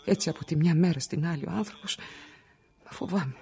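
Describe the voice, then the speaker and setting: Radio drama: a worn-out, scared wife far from home, raspy and gravelly, confessing her fears. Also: low voice, dark tone, full character voice. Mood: weary, fearful. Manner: emotional, confessional monologue. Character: frightened, exhausted wife, an immigrant feeling alone. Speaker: wife of an injured worker.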